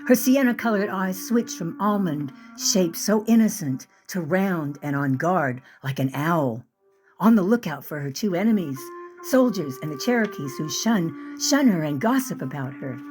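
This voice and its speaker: Expressive woman reading her novel. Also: lowish voice, normal speed, over music. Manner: vivid, expressive storytelling. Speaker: author reading her book. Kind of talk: dramatic audiobook-style reading.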